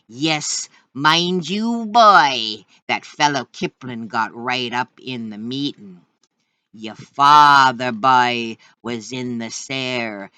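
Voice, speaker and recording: A woman voicing an old Red River man telling about an election he lost, in a Bungi dialect with loud, folksy, drawn-out delivery. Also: low voice, no echo, full character voice. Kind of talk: dramatic reading of an old dialect text.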